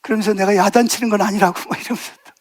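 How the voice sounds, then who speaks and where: A man's voice: high voice, steady tone, racing. A man in his sixties, a pastor preaching a sermon, telling stories and asking the congregation rhetorical questions, building to emphatic bursts.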